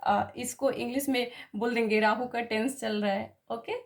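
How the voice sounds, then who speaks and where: A woman's voice: a little high, fairly even intonation, moderate pace. A woman teaching a grammar lesson, explaining patiently, spelling words out letter by letter and checking with "okay?" after each point. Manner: explains patiently, keeps asking "ठीक है?".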